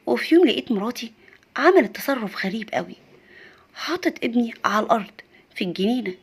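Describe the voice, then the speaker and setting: A woman's voice: a little high, animated, fast talker, husky. A woman with an Egyptian accent narrating as an earnest 32-year-old husband telling his story. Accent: Egyptian Arabic. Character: worried young husband, 32, narrating.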